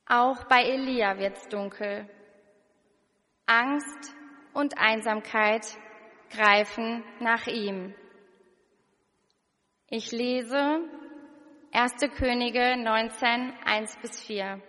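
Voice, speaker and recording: Slow, earnest woman preaching. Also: a little high, fairly even intonation, bright, forceful tone, big-room sound. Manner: slow, earnest, questioning the listener directly. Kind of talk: sermon with scripture reading.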